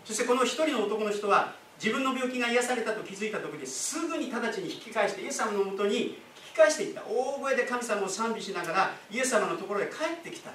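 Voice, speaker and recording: A man with a high-pitched voice gives a sermon, talking to the congregation in a relaxed, explaining way with asides and questions. He stands away from the mic in an echoey church hall, with faint room ambience behind him. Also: fast, hardly any pauses, recorded from a distance, a little hiss or hum. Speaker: pastor.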